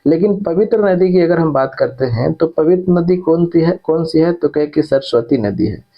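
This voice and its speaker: A man's voice: on the high side, lively intonation, normal speed, lo-fi sound. A man teaching an exam-prep lesson who repeats key terms and checks in with his students after each point.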